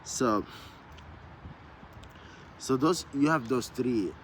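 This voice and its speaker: A man's voice: medium pitch, animated, very slow, heavy background noise. A man from Somalia talking to his viewers in a loose, rambling vlog, repeating himself and asking "you know what I mean". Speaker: vlogger. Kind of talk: casual rambling monologue.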